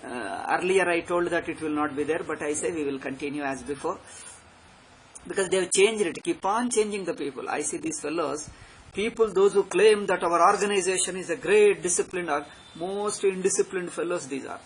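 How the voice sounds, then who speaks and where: A man's voice: sits high, moderate pace, rough recording. A man with a South Indian accent giving an extempore spiritual discourse, exhorting emphatically and repeating his points with short tag questions. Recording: background noise.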